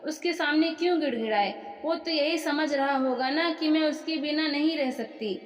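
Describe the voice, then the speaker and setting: A woman's voice: high-pitched, normal speed, lightly acted. A woman voicing an indignant, proud young wife. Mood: angry. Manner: sharp, indignant. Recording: echoey room with long reverb.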